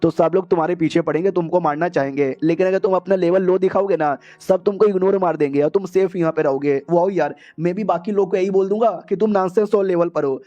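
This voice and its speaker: A man recaps an anime story in casual, chatty talk and chuckles at the plot. His voice is high and mellow, and the recording sounds dull and lo-fi. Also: fast talker, hardly any pauses, no room sound. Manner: chatty, slangy, laughs at the story.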